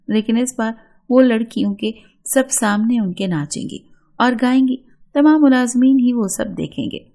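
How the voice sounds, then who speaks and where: A woman with an Urdu accent reading a first-person story in a steady, earnest storytelling manner. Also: on the high side.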